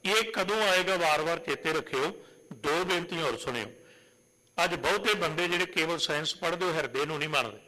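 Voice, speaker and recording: A man preaching a Sikh sermon. He asks rhetorical questions and recites scripture verses slowly and drawn out. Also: fairly high pitch, pushed and bright, in a large hall, poor audio.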